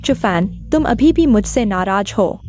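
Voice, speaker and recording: A woman dubbing a greedy young fiancée who coaxes and wheedles, with soft music behind. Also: medium pitch, lively intonation, unhurried, highs cut off, close to an everyday voice. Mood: wheedling. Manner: wheedling, coaxing.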